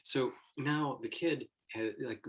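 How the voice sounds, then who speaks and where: A man's voice: mid-range voice, takes it slowly, fairly bright tone, breathy edge, poor audio. A man talking casually as host, explaining an idea at length, laughing often and acting out quoted voices. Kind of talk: casual explanatory livestream talk.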